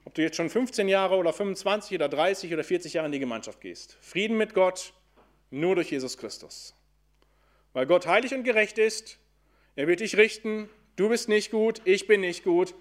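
A man with a high voice preaches a sermon to a congregation. He poses questions and answers them himself, and he slows down whenever he quotes scripture.

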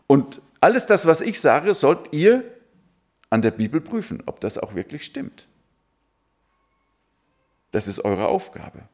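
A man's voice: a little high, sing-song, measured pace, pauses often, darkish tone. A man preaching a sermon who keeps asking his listeners rhetorical questions.

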